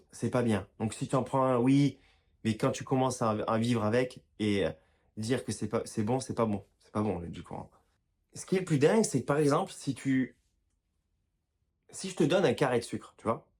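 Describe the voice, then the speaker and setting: Man, casual talk to camera, informal, addresses viewer directly, frequent restarts, average pitch. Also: darkish tone. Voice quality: apologizes for his own pronunciation. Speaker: health and wellness video creator.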